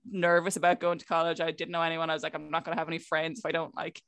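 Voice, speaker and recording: A young woman speaks in a west of Ireland accent at a middling pitch. She tells personal stories in a casual, conversational way, often acting out little exchanges. The sound is close and dry. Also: flat delivery, rapid-fire, a bit bright, clean tone, no echo. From County Clare, west of Ireland. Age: young adult. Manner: conversational, frequent filler "like", quoting herself and others. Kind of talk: casual chat, telling personal anecdotes.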